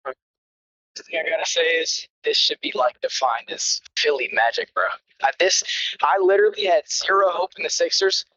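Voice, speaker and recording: A man calling in to a casual sports chat while walking, his phone line breaking up as he rambles excitedly. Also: a little high, normal speed, slight background noise. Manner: excited, rambling fan talk. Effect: phone call breaking up and cutting out. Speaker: caller. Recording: muffled dry phone line.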